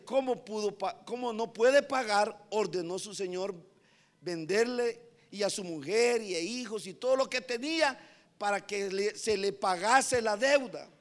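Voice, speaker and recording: A man preaching a sermon, moving between hushed passages and emphatic repetition, often addressing his listeners as brothers. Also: sits high. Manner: animated, swings from hushed to emphatic, repeats "hermanos".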